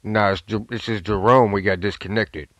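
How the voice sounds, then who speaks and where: A man putting on a loud, belligerent prank caller with a lowish voice, swearing constantly and badgering for an apology. The sound is dry and close, with no room around it. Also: fairly even intonation, moderate pace, no echo, natural voice. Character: brash profane young man prank caller.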